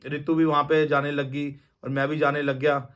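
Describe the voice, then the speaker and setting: A man's voice: a little high, little pitch movement, normal speed, fairly bright tone. Young man rambling through a story. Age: young adult. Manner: rambling, with many restarts and fillers. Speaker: devotee sharing a testimony. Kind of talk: casual storytelling testimony.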